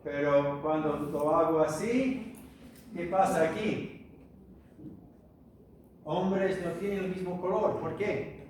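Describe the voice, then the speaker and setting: A man's voice: a little high, slow, pauses often, darkish tone, slight background noise. A man, a missionary preacher, teaching a Bible study to a church and putting questions to the listeners with many hesitations. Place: church hall. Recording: echoey hall, recorded from far off.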